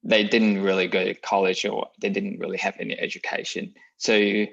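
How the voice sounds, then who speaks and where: A man's voice: fairly low pitch, flat delivery, moderate pace, vocal fry, a bit bright, lo-fi sound. A young man from Vietnam with a Vietnamese accent, an MBA applicant answering questions hesitantly with many fillers. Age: young adult.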